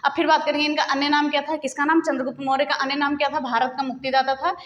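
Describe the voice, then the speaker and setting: A woman teaching an exam revision lesson at a brisk clip. Her voice sits high, and she drills each fact by asking it and then answering it herself. The room is echoey, with a long reverb trailing after her words. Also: flat delivery, fairly bright tone. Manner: repeats key facts as questions and answers.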